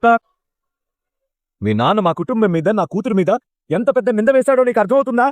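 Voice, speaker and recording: A man's voice: high voice, animated, a little fast, no echo. A man voicing a stern wealthy father who interrogates and commands.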